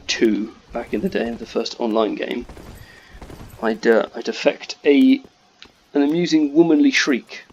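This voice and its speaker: A man chatting casually while playing a game, drifting off topic, swearing freely, and now and then yelling at enemies in sudden high bursts. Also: dull audio, slight background noise. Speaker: gamer commentating his playthrough. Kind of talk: casual rambling gameplay commentary.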